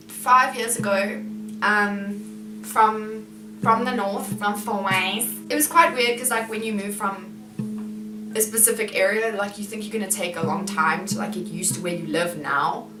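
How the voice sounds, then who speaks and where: A young South African woman co-hosting a casual vlog, chipping in with quick, playful remarks. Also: mid-range voice, roomy sound, distant mic, over music, rough recording. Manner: quick quips, playful interjections. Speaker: vlog co-host. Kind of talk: casual chat.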